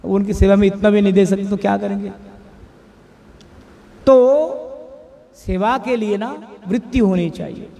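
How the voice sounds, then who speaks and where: A man with a high voice gives a devotional sermon, telling a story in a conversational way. Between the spoken parts he chants verses slowly. The sound rings with the long reverb of a hall. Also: steady tone, vocal fry, warm tone. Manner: conversational, chanting Bengali verses in a slow melody between Hindi explanation. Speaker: kirtan and katha preacher.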